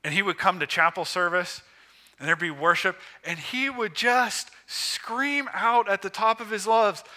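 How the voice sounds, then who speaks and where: Guy preaching a sermon, slow deliberate delivery, really bright tense tone. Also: high-pitched. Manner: emphatic, measured phrasing with pauses.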